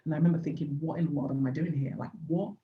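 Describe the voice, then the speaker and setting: On a podcast, a woman in her forties from Nigeria, a business founder, opens up about her life story, an earnest speaker fond of the word "literally." She talks very fast in a low voice with a steady tone. The recording is dull and lo-fi, made in an echoey room.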